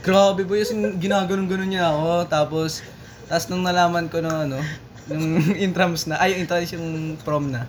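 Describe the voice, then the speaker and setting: A man's voice: high voice, fairly even intonation, moderate pace, a little hiss or hum. A young man telling a rambling story in a casual chat among friends, full of false starts. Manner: rambling storyteller with many restarts. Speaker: podcast co-host.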